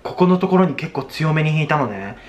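A man's voice: fairly high pitch, lively intonation, a little fast. A young man chatting casually in a makeup vlog, with theatrical exclamations and exaggerated, girly Japanese gyaru slang. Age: young adult. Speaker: video host. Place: small plain indoor room.

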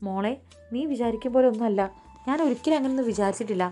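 A woman's voice: on the high side, very fast, faint music behind, voice pushed up, close to an everyday voice. A woman doing a timid, pleading young wife. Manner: soft, pleading, stammering.

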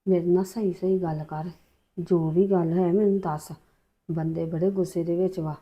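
An actress playing a worried, sharp-tongued female relative with a Punjabi accent, probing and scolding. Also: fairly low pitch, fairly even intonation, normal speed, natural voice. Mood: concerned. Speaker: relative in a family drama. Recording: dull lo-fi sound.

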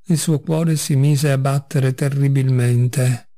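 A man narrating a classic story as an audiobook reader, with measured, dramatic storytelling. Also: medium pitch, steady tone, warm tone.

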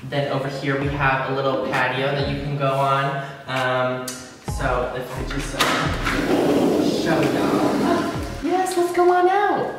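A man's voice: medium pitch, expressive, slow pace. Bubbly young man in an echoey room. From Washington State, US. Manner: bubbly, gushing, sassy exclamations. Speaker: beauty vlogger. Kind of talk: casual vlog apartment tour. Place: large empty apartment indoors. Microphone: handheld camera at arm's length and far camera. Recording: very echoey empty room, distant mic, music behind.

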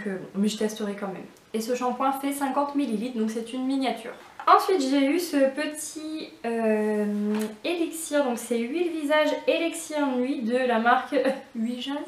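A woman's voice: sits high, roomy sound, recorded from a distance. A woman chatting casually through a beauty box unboxing, hesitant and full of fillers, in a home setting. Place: indoors at home.

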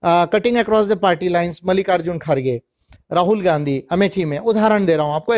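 A man speaks in a fairly high register, explaining his point in a steady lecture style. He slips English phrases into his talk and reads long lists out one by one. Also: highs cut off. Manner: mixes English phrases into Hindi. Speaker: speaker on electoral reform.

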